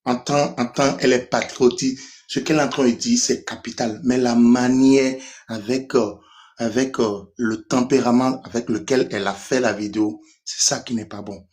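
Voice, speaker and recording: A man's voice: mid-range voice, fairly even intonation, normal speed, darkish tone. A young man from Benin with a Beninese French accent, speaking as a caller on a live stream, hesitant with many restarts. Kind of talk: casual call-in talk.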